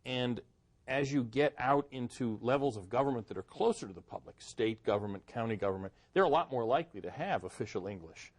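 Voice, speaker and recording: A man from Boston and Cleveland, appearing as a guest author, answers interview questions with care in a medium-pitched, animated voice at a fairly quick pace. He often uses fillers and restarts his sentences, sounding thoughtful yet hesitant.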